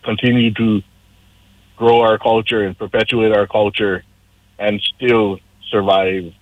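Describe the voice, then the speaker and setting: A Hawaii man running for council joins a casual radio conversation as a guest, speaking earnestly and persuasively with a civic-minded manner. His voice is lowish, level, and unhurried, with no room sound, and the recording is slightly dull and lo-fi.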